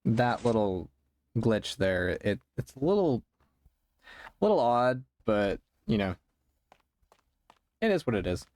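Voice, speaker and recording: Slow, easygoing man narrating gameplay. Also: on the low side, big pitch swings, a little mellow. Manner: rambling and halting, with many restarts; self-deprecating, easygoing. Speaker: Minecraft video creator. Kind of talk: casual gameplay commentary.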